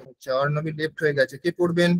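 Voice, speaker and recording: A man with a Bengali accent teaching a Sanskrit class over a video call, patiently repeating words slowly so his students can copy them. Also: fairly high pitch, fairly even intonation, no room sound, low-quality recording.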